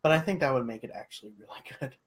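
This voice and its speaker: A man's voice: mid-range voice, very fast, husky, poor audio. A young man co-hosting a casual podcast chat, joking and theatrical. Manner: jokey, theatrical. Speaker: podcast co-host.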